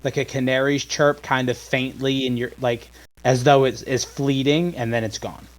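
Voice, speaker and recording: A man's voice: mid-range voice, fairly even intonation, moderate pace, poor audio. A man narrating a tabletop game as game master, stopping and restarting often as he describes the scene.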